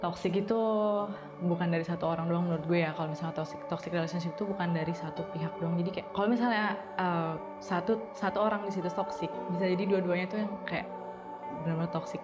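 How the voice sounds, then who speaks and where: A woman in her late teens tells a personal story in a casual, hesitant way, often pausing to find her words. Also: on the low side, steady tone, music in the background. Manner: hesitant, thinking aloud with many fillers. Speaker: interviewee.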